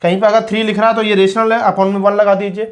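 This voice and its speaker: A man teaching a school maths lesson in a patient way, often repeating points, counting steps out slowly and checking that students follow. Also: high voice, level tone. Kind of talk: classroom-style maths lesson.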